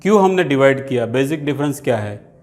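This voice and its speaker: A man's voice: mid-range voice, animated, a little fast, darkish tone. A man teaching English grammar in Hindi, spelling out words letter by letter and saying English examples with an Indian accent. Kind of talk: grammar lesson.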